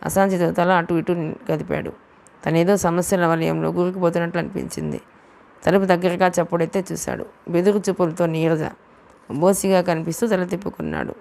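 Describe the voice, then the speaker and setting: Female audiobook narrator, steady storytelling read, low and gravelly. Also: a little fast. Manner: steady storytelling, voicing the dialogue too. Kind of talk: reading a novel aloud.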